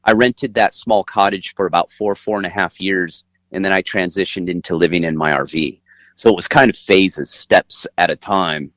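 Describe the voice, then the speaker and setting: A man's voice: low-pitched, normal speed, fairly bright tone, dry recording. A man giving emphatic, conversational explanations as an interview guest, recorded inside an RV. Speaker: guest author.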